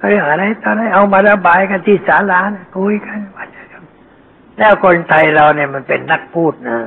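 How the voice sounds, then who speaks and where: An older man, a Buddhist monk, giving a dhamma sermon in a plain, homely, unhurried teaching manner with folksy asides. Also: fairly high pitch, creaky. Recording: old phone-like lo-fi recording with faint hiss.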